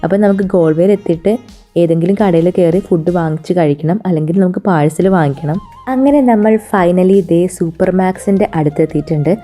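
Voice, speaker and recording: Music plays beneath a dark-toned woman's voice with a fairly low pitch and a slightly fast pace. She's a travel vlogger with a Malayali accent, narrating casually in Malayalam sprinkled with English.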